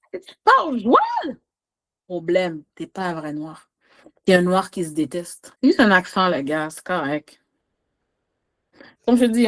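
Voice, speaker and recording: A Québécoise woman with a fairly high voice talks freely as a guest, her tone leaping up and down as she jokes and laughs through her points. She sounds relaxed and expressive, a comedian in casual conversation. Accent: Québécois French. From Quebec. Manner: animated, laughs often, big pitch swings. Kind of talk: casual interview chat.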